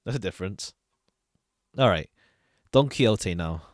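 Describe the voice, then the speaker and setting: Lively-pitched man chatting on a livestream. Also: measured pace, no echo, clean studio sound. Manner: chatty, hesitant, thinking aloud. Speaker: streamer reacting to game trailers. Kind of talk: casual livestream commentary.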